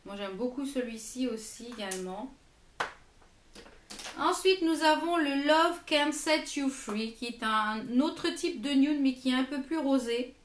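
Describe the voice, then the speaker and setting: A woman's voice: high-pitched, expressive, a little slow, reverberant, slight background noise. A French woman reviewing lipsticks in her own vlog, hesitant and full of fillers and repeated words. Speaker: beauty vlogger. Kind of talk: product review.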